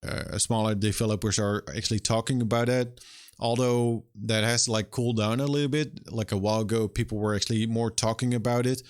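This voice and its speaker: A man's voice: lowish voice, steady tone, a little fast. A young man streaming live and ranting in a casual, exasperated way, swearing often. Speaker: streamer and game developer. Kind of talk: casual livestream rant.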